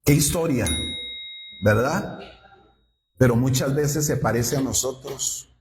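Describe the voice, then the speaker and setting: A man's voice: slow, background noise. A man preaching a sermon, putting rhetorical questions to his congregation. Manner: rhetorical questions to the congregation, wide swings in pitch. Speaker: pastor. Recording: roomy hall reverb.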